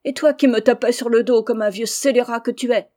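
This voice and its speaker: Woman voicing a shrill, loud old peasant wife in a storybook. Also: fairly even intonation, a little fast, close to an everyday voice. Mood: furious. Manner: shrill and loud, rustic speech.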